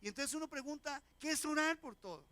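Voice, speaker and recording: A man's voice: very high voice, a little fast, sharp tone, no room sound. A man, a pastor preaching a sermon in church, who questions the congregation and acts out the voices of people in his stories. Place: church sanctuary.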